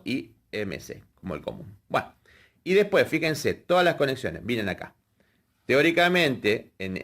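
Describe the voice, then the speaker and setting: A man's voice: mid-range voice, fairly bright tone. A man teaching a hands-on wiring lesson, explaining step by step and often checking in with the viewers. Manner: explanatory, checks in with frequent "¿sí?" and "fíjense". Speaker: electrical workshop instructor.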